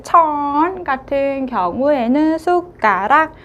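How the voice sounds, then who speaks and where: A woman with a high voice teaches a language lesson. She models words slowly and stretches out the sounds. Her explanations keep returning to a short filler word. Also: lively intonation, a bit bright, muffled recording. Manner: slow, drawn-out modelling of words, frequent "자".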